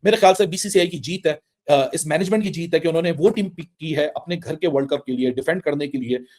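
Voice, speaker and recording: A man's voice: on the high side, fast, a little mellow. Emphatic male cricket pundit. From Pakistan. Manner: insistent, building lists for emphasis. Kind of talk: emphatic analysis.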